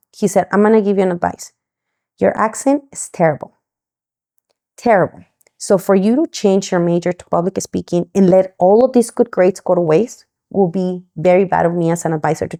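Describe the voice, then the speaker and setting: A woman from Mexico, a podcast guest, telling her story in a lively way and acting out the voices of the people she quotes. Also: medium pitch, creaky. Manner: animated, acts out quoted voices.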